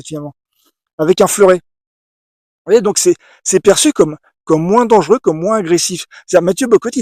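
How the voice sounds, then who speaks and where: A man's voice: sits high, a little mellow, no room sound. Emphatic French man, dry close sound. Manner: emphatic, repetitive, many restarts and fillers; rhetorical asides to the viewer. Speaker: video essayist. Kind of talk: casual opinion monologue.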